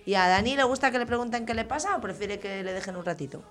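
Middle-aged woman teacher, gently coaxing little kids w lots of questions, mid-pitch voice, soft music behind. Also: lively intonation, fast talker. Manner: patient, coaxing, asks many questions. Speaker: teacher hosting a children's school radio show. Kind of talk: gentle questioning talk with small children.

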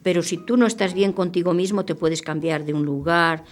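Older nun on a radio show, somewhat low voice, faint music behind, earnest and unhurried. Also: female voice. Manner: earnest, unhurried, repeats herself while thinking. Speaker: missionary nun. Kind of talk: radio interview, reflective testimony. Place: radio studio.

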